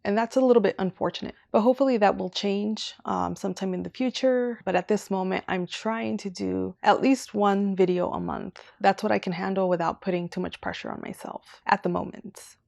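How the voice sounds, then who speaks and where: A young booktuber from Southern California chats casually on camera about her reading channel, rambling and going off on tangents in casual vlog talk. Her mid-range voice is steady and darkish, with vocal fry, and she talks briskly with hardly any pauses; there's no echo.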